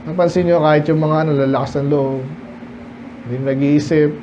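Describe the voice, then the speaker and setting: A man's voice: on the high side, steady tone, a little fast, warm tone, a little hiss or hum, low-quality recording. A man preaching a midweek Bible study sermon, reading verses aloud and then explaining them in a chatty way with lots of rhetorical questions. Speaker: pastor. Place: church.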